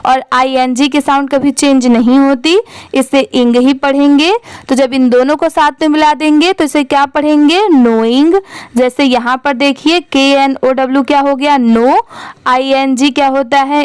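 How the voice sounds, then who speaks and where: An English reading teacher with a high voice leads a slow, step-by-step spelling lesson with no room sound. She spells words letter by letter, then blends the parts, and asks the class questions that she answers herself.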